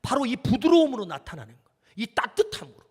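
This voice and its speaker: High-voiced preacher in a reverberant hall. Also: male voice, sing-song, a little fast, a little mellow, slightly rough. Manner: earnest storytelling preacher, acts out quotes. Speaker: pastor. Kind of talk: sermon. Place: church sanctuary.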